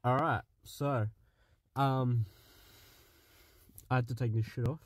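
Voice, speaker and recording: A car project vlogger, a man with a medium-pitched voice, talks casually as he works in a cramped car footwell, muttering and swearing along the way. He's out of breath, his intonation stays fairly even, and he speaks slowly. There's no room sound in the recording.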